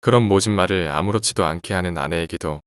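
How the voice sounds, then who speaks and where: A middle-aged man tells a first-person horror story in a measured, grave manner. His voice is very deep. The recording is dry and close, with no room sound. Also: clean tone, dry recording. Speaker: narrator.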